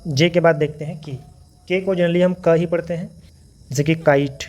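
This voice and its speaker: A man walks beginners through English letter sounds in a patient teaching tone, saying each example word slowly and often twice. His voice sits a little high but sounds mellow and soft. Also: steady tone. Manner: patient, explanatory, repeats example words slowly. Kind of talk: phonics lesson.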